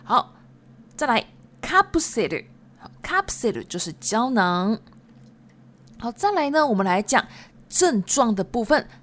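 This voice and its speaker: Woman, language-lesson podcast host, slightly high pitch, patient repeater with chatty fillers. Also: very animated, fairly bright tone. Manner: patient, repeats words slowly, many fillers. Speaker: Japanese language teacher.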